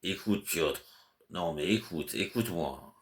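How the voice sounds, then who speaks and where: A man's voice: deep voice, expressive, a little slow. A man voicing a frantic, fussy middle-aged clerk who scolds and then coaxes his servant. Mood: pleading. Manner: agitated, scolding then coaxing.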